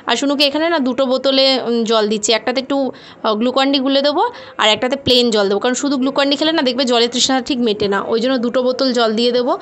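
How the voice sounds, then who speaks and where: A woman's voice: sits high, fairly quick. A mother and home vlogger telling viewers about her busy day in a chatty, rambling voice-over. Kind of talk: casual voice-over narration of a daily routine.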